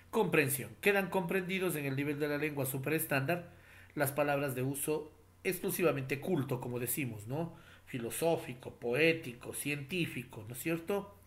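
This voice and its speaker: A middle-aged male teacher giving a lecture, explaining step by step, with many fillers and tag questions, addressing the listener formally. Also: a little high. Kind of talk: classroom lecture.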